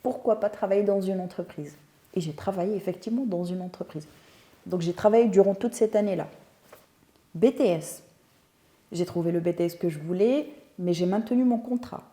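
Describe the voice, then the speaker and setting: A woman's voice: on the low side, fairly quick, mellow. A woman, a guest telling her story in a casual interview, thoughtful and searching for words. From Tunisia. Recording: roomy echo.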